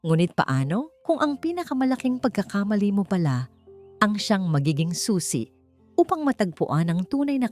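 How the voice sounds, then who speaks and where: A woman gives expressive storytelling narration of a romance audiobook, her voice climbing higher at the dramatic moments, with faint music in the background.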